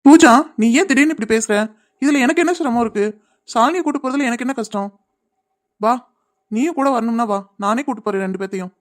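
An earnest young man in a cartoon serial, a little high for a guy, as a woman voices him. He pleads and explains himself, sounding defensive and baffled. His voice sits on the higher side. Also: a little fast, natural voice. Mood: pleading.

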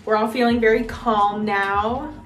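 Casting: young woman vlogger, higher voice, unhurried casual chat, roomy sound with music behind. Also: fairly even intonation, far from the mic. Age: young adult. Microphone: phone at arm's length. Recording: echoey room, off the mic, music behind.

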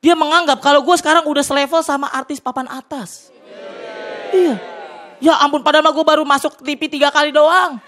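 A man from Jakarta with a colloquial Jakarta accent, performing a loud, excitable stand-up routine on a TV studio stage, bursting into shouted punchlines. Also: very high-pitched, a little fast, some chatter behind, slight background noise. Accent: Jakarta colloquial Indonesian. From Tanjung Priok, Jakarta, Indonesia. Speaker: stand-up comedian. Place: TV studio stage with live audience. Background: audience laughter.

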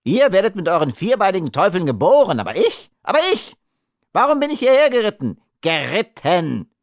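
A man's voice: medium pitch, big pitch swings, normal speed, no echo, clean studio sound, natural voice. A male narrator voicing a tiny, frightened male arms trader who whines and shrieks his complaints in an audiobook. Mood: shrill complaint. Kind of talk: audiobook character voice.

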